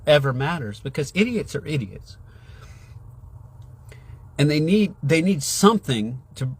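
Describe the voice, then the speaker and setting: A man's voice: a little high, breathy edge. A man delivering an agitated, profane monologue to his viewers, repeating himself and constantly asking if they know what he means. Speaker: vlogger.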